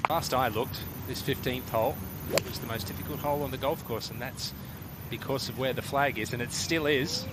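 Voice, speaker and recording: Male golf commentator over very loud outdoor noise. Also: mid-range voice, normal speed. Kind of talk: live golf tournament commentary.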